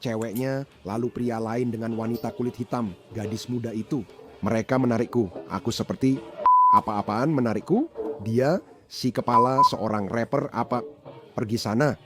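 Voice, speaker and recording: A man's voice: mid-range voice, moderate pace, close to an everyday voice. A man dubbing an agitated brawl witness. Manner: agitated, animated retelling with slang. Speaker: man involved in a fight, telling police. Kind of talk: dubbed bodycam account.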